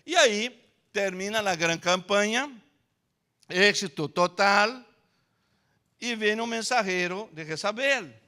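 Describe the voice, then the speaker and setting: A male pastor delivering an animated sermon in a church, shifting between hushed storytelling and loud emphasis. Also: high voice, takes it slowly, long pauses. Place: church sanctuary.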